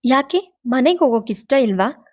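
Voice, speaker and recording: A woman voicing a gentle young man who asks soft, coaxing questions, in a storybook reading. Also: high voice, animated, moderate pace, no echo. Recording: dull lo-fi, dry.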